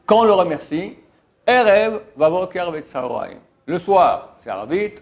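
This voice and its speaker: A man's voice: high voice, sing-song, measured pace. A male rabbi teaching a prayer, reading Hebrew phrases one by one and translating each into plain speech, stressing key words. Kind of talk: religious lesson, line-by-line translation.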